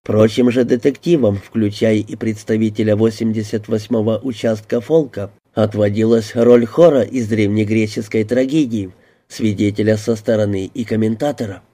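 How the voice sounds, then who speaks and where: A man narrating an audiobook in a measured storytelling manner. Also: lowish voice, fairly even intonation, dark tone.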